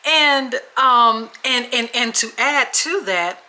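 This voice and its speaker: A woman's voice: on the high side, takes it slowly, sharp tone, rough recording. A woman from Washington State co-hosting a casual chat, telling a personal story and checking in with her listeners as she goes. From Washington State, USA. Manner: chatty storyteller, often checks in with "okay?" and "y'all". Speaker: podcast co-host.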